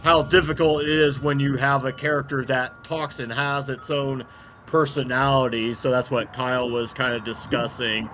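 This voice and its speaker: A man hosting a casual group video call, talking in a relaxed, slightly hesitant way. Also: medium pitch, moderate pace, a little hiss or hum. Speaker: podcast host. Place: at home.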